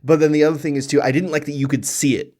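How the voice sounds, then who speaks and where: A man's voice: fairly high pitch, level tone, fast talker, a little mellow. A man hosting a casual reaction chat, rambling on as he explains lore at length. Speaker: reaction show host.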